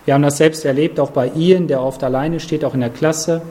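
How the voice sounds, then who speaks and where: A man preaching a sermon, speaking emphatically and directly to his listeners, moving between raised pitch and hushed low moments. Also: fairly even intonation, fairly quick.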